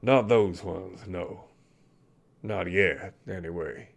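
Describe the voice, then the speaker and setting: A man voicing a weary, haunted but cordial old commodore in a tabletop game, speaking deliberately in old-fashioned phrases. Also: low-pitched, vocal fry, heavily acted. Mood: haunted, reflective.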